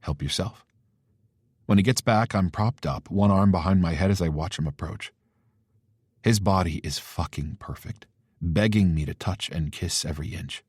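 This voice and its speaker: A man narrating a romance novel in first person, with a low, intimate reading manner. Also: moderate pace, a little mellow, husky, no echo, studio quality. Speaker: audiobook narrator.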